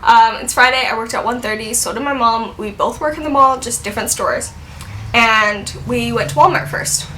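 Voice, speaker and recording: A woman's voice: fairly high pitch, normal speed, pushed and bright, slight background noise. A woman in her twenties telling a story in a casual vlog. She rambles and says "like" a lot. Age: 20s. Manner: chatty, rambling, heavy use of "like". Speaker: vlogger.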